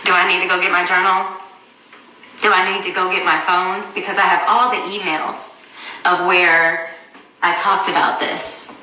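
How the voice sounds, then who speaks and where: Angry woman in her 30s ranting on a live stream, swears a lot, really bright sharp voice, kinda far off the phone in an echoey room. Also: fairly low pitch, level tone, moderate pace. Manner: angry, blunt, profane. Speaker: mother telling her story. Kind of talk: livestream rant.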